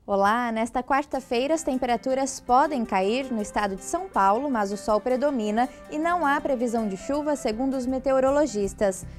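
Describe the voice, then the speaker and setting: A woman in her twenties reading a scripted weather forecast smoothly in a TV studio, using a lapel mic. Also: a little high, fairly quick, few pauses, loud music behind the voice. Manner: smooth, even read. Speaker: weather presenter. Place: TV studio in front of weather map.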